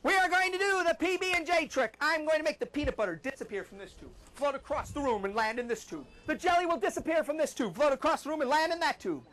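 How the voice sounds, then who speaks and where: A man's voice: very high voice, quick pace, few pauses, a bit bright. A man performing as a children's party magician, with playful patter, coaxing a young helper and announcing like an exaggerated showman.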